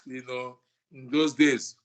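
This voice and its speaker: A man from Nigeria with a Nigerian accent, talking as a guest in a lively, reminiscing way. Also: medium pitch, takes it slowly. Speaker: guest, brass band musician. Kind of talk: interview guest chat.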